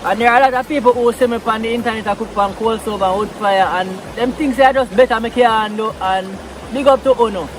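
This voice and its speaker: Outdoors by a river, a Jamaican vlogger chats casually, mixing Patois into his English with a Jamaican Patois accent. His voice is very high-pitched with fairly even intonation and a slightly fast pace, and the background is noisy.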